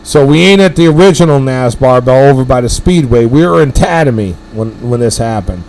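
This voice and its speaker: A middle-aged man with a gravelly, creaky voice, swearing freely as he rambles through a story. He hosts a casual powerlifting live stream and hammers home his points with emphatic words. His pitch sits in an ordinary middle range. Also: animated, brisk, a little mellow.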